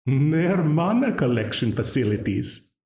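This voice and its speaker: A man with a fairly high, darkish voice plays a smug, dominant demon in an audio roleplay, heard in a roomy space. He is very animated yet slow and taunting, laughing often with menacing mockery as he binds a ruler to a contract.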